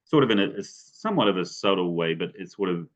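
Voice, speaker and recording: A man from West Virginia, USA, presents an academic webinar talk, hedging often with fillers like "sort of" and "kind of" and restarting sentences. He has a low pitch and talks fast and animatedly, and the audio has its highs cut off.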